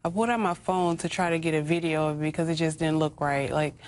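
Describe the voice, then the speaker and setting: A woman with a low-pitched voice answers an interviewer as an eyewitness. She recounts things plainly and matter-of-factly, with some noise in the background. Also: steady tone, fast, darkish tone.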